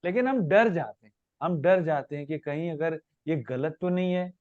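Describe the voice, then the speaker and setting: A man's voice: a little high, moderate pace, no room sound, muffled recording. A man leading a spiritual question-and-answer class. He explains patiently with everyday examples. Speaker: spiritual teacher.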